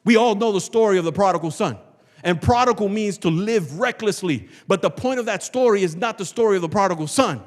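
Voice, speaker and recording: A male pastor delivers a sermon to a congregation in a big church hall, speaking a little fast in a high voice. He is emphatic and rhetorical, repeating phrases for effect, and the sanctuary PA leaves a long hall reverb.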